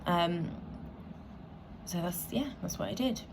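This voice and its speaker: Soft-spoken woman with a low voice. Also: vocal fry, a little hiss or hum. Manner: soft-spoken, pausing often with fillers, drops to a whisper at times. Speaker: vlogger. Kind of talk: reflective personal vlog.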